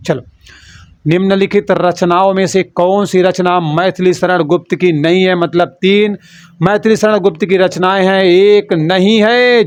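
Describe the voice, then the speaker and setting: High-voiced Hindi teacher, dry close sound. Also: male voice, no echo. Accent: Hindi, Uttar Pradesh. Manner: addresses students as beta, repeats key words as questions; demonstrates sounds, softly then with force. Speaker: Hindi teacher for exam prep. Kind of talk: online exam-prep lesson.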